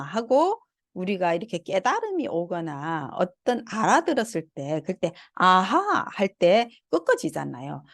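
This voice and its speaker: A woman's voice: on the low side, no echo, studio quality. A woman lecturing on Chinese tones, explaining step by step and demonstrating each tone by sounding out syllables. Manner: patient, explains step by step, sings out tone examples. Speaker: Chinese language instructor. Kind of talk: recorded online lecture.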